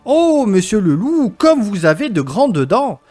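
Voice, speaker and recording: A man's voice: high voice, big pitch swings, measured pace, dark tone, soft background music, pitched above the performer's own voice, exaggerated voice. A man voicing a sweet, naive little girl from a fairy tale, in an exaggerated sing-song way as he tells a joke. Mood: mock innocent.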